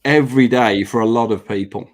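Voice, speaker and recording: Here a man with a medium-pitched voice talks a little fast as a podcast guest and business owner. In this casual panel chat he's earnest, swears freely, and repeats himself for emphasis, with braces slightly shaping his speech.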